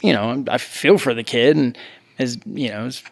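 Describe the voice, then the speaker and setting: A man hosting a podcast, telling a coaching story in a casual, animated way, laughing often. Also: mid-range voice, normal speed, gravelly. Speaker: podcast host and jiu-jitsu coach.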